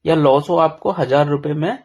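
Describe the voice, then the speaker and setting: A man's voice: on the high side, moderate pace, darkish tone, husky. A young man telling his own story in a frank, self-deprecating, rambling way, full of restarts, in a casual confessional vlog.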